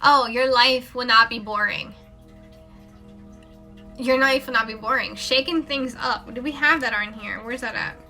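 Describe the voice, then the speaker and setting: A woman's voice: on the high side, a little slow, pushed and bright, faint music behind. A woman with children doing a casual, rambling spiritual card reading live, with plenty of fillers and self-corrections. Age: adult parent. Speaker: tarot reader.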